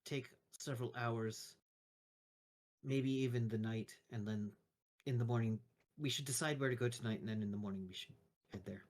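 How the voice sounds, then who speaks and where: A man's voice: mid-range voice, moderate pace, natural voice. A man voicing a hesitant otherworldly being who repeats their words in a tabletop game. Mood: hesitant, deliberate.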